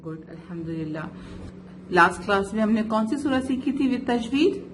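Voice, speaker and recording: A woman teaching Quran recitation with tajweed, speaking slowly and patiently, spelling out letter sounds and often checking for understanding. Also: medium pitch, expressive, a little hiss or hum. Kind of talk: one-on-one recitation lesson.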